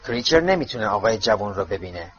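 A croaking, ancient house-elf, as a man puts him on, grumbling insults under his breath in a low, sour mutter. He sits below the storyteller's usual pitch and drags his words. The audiobook audio is dull and lo-fi. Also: expressive, fairly bright tone. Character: bitter ancient male house-elf servant.

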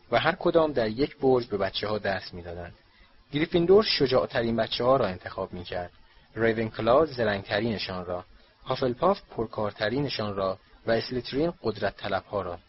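A man's voice: mid-range voice, close to an everyday voice. A man voicing an old magical talking hat as it recites its song in a storybook reading, on a dull lo-fi recording.

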